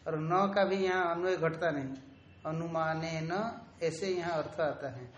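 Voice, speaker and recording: A man teaching a traditional Vedanta lesson, explaining slowly, repeating key terms and drawing out Sanskrit quotations. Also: on the high side, dull audio, slight background noise. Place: ashram room. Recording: echoey room, faint ambience.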